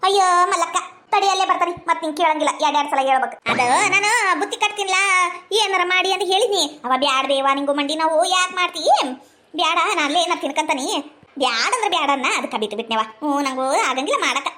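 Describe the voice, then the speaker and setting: Middle-aged woman, North Karnataka accent, high and bright, homely scolding housewife for a dialect comedy sketch. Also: fast. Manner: chatty, scolding homely talk. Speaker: village housewife in a comedy skit.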